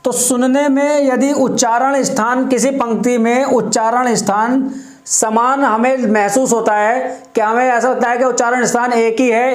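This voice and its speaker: A man's voice: very high voice, reverberant. A man teaching a grammar lesson. He explains step by step, repeats terms and examples, and often checks in with his listeners.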